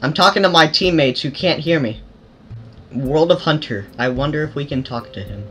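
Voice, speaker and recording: A man hosting a gaming channel, giving casual commentary while playing, excitable and yelping in fights. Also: fairly high pitch, moderate pace, soft background music. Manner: excitable, yelps during fights.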